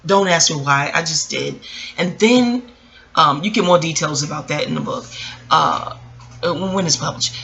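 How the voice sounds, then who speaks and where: A vlogger in her early forties tells a personal story casually and reflectively, rambling off on digressions and animatedly acting out what people said. Her voice is low-pitched and gravelly, at a moderate pace.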